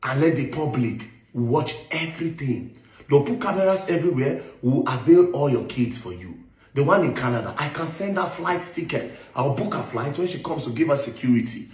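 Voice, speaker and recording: A man's voice: mid-range voice, expressive, normal speed, darkish tone. A man with a Nigerian accent giving an impassioned, accusatory monologue, stressing points with rhetorical questions. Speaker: online commentator. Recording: echoey room.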